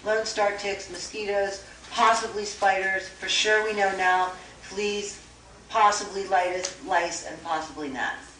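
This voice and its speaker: A woman's voice: medium pitch, steady tone, a little slow, fairly bright tone. A woman, a naturopathic doctor, giving a lecture to an audience and reading through lists steadily, with a few stumbles and self-corrections. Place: store event room. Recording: echoey room, voice far from mic, faint hiss.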